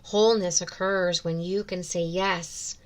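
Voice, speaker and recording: A woman giving a spiritual oracle card reading in measured, deliberate phrases with pauses between them. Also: lowish voice, fairly even intonation. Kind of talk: slow, spiritual guided card reading, partly read out.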